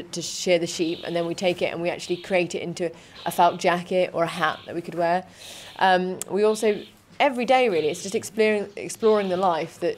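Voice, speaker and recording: A woman's voice: on the low side, a little hiss or hum. A young woman, a farm operations manager, answering interview questions outdoors in a chatty, enthusiastic way, often repeating words as she thinks. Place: outdoor animal pen.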